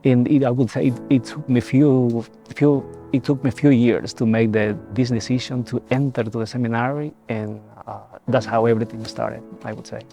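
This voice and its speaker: A young man speaks in a low, mellow voice with a gravelly edge. He talks haltingly, repeating words and restarting phrases as he reflects. Soft music plays faintly behind him. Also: fairly even intonation. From El Salvador. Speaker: seminarian. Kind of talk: reflective personal testimony.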